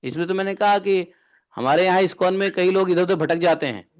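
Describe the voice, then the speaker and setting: A man's voice: high-pitched, brisk. A man giving a devotional discourse as a spiritual teacher, bantering and often asking his listeners rhetorical questions.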